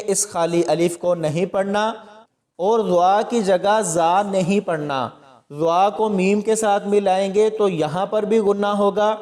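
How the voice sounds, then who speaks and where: A man teaching Quran reading with tajweed, explaining each word, then spelling it out slowly syllable by syllable. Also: sits high, warm tone, long reverb tail. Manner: slow, drawn-out syllable-by-syllable recitation between explanations. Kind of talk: tajweed lesson, spelling out letters.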